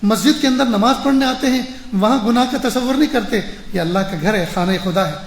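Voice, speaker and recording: A man's voice: extremely high pitch, roomy sound, rough recording. A man, a maulana, preaching a sermon through a moral story, emphatic and repeating phrases for stress. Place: mosque.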